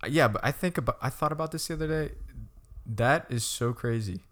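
A man's voice: mid-range voice, fairly quick, a bit bright. A young man co-hosting a casual chat, rambling with lots of stammered restarts and frequent laughter. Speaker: podcast co-host.

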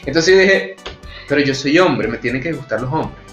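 A man's voice: medium pitch, lively intonation, normal speed, a bit bright. A man with a Venezuelan Spanish accent, hosting a casual, candid chat and telling his stories frankly and with animation. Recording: echoey room with faint music.

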